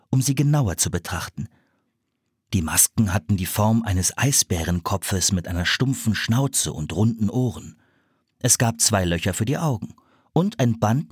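Husky male storybook narrator. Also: on the low side, no echo, clean studio sound. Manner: lively, expressive reading. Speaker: audiobook narrator.

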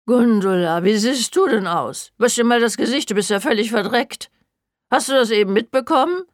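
A scolding older mother, as a woman narrator puts her on, drags out each reproach in slow, nagging tones. She sounds fussy and quick to alarm. The reading is close and dry, with no room around it. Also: a little high, no room sound, voice pushed up, close to an everyday voice. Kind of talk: audiobook character voice.

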